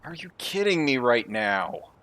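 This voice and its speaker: A man's voice: medium pitch, big pitch swings, measured pace, fairly bright tone. A man giving casual, informal gameplay commentary, reacting aloud as he plays. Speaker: gamer playing a story game.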